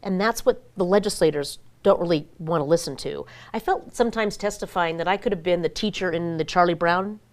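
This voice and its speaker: Frank, lower-voiced woman in an interview. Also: fairly quick, few pauses. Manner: frank, opinionated. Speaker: interview guest, small business advocate. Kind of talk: conversational interview commentary.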